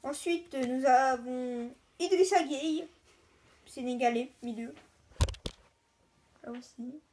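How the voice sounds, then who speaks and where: Woman host with a high pitch, easygoing and a bit halting, talking viewers through an unboxing. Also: a little mellow, slight background noise. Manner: halting, chatty, lists names one by one. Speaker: video host. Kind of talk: casual card-unboxing commentary.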